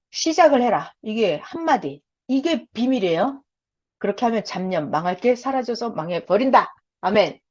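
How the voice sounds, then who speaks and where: A woman preaching a sermon, animated and repetitive, acting out short prayers in a bright eager voice. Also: on the high side, highs cut off. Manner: repeats phrases for emphasis.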